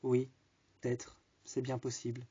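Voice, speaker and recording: A weary, teasing young man, quoted by a storyteller, with a flat, dark, husky voice and a soft, sighing delivery. He sounds impatient, and the recording is dull and lo-fi. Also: medium pitch, unhurried.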